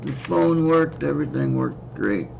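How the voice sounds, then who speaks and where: A man's voice: fairly high pitch, lively intonation, measured pace, vocal fry, a little hiss or hum. An American man hosting a casual livestream card reading, talking in a rambling way with hesitant fillers and repeats. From United States. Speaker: host and card reader. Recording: slightly dull lo-fi stream audio.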